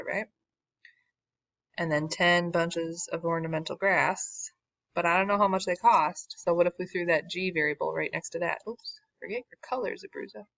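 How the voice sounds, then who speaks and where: Walking students through a word problem in a recorded lesson, this woman teacher has a fairly low, fairly bright voice full of vocal fry. Her style is casual and wry, with self-mocking side comments, and her voice is clearly fading. It's captured on a dull, dry lo-fi recording.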